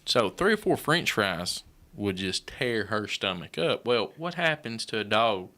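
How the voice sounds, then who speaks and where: A man's voice: fairly low pitch, very animated, a little slow, pushed and bright. A man, a police dog handler, telling wry, joking stories on a radio talk show. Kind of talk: casual radio chat.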